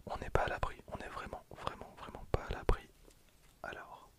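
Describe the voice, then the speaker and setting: Whispering softly into a handheld stereo recorder held near him, a twenty-something male ASMR creator comments on the cards he's unboxing. There's no voicing at all, just a breathy whisper, and he tends to repeat phrases slowly and quietly.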